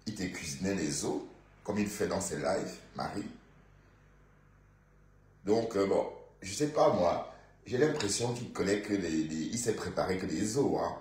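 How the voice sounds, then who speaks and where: A man's voice: deep voice, expressive, a little slow, pauses often, darkish tone, roomy sound. A man from Bandundu with a Congolese French accent, rambling through casual live-stream gossip, full of fillers and asides to his viewers.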